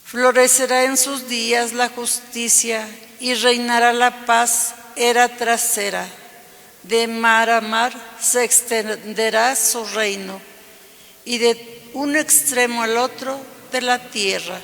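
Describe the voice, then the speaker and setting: A cantor at mass, a man with a very high voice, recites the psalm in a slow, measured way and sings the alleluias. His bright tone is carried by a long cathedral echo. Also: fairly even intonation, creaky. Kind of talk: liturgical reading with sung refrains. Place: large church. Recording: long church reverb.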